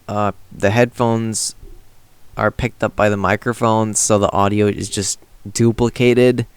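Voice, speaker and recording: A man's voice: on the low side, flat delivery, unhurried, clear, resonant tone, no echo. A man giving a casual, offhand video game review in a rambling, noncommittal way.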